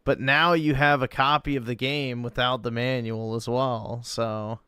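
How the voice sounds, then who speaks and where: A man's voice: medium pitch, little pitch movement, unhurried, pushed and bright, clear, resonant tone, dry recording, clean studio sound. A man chatting casually on a livestream as he reacts to videos.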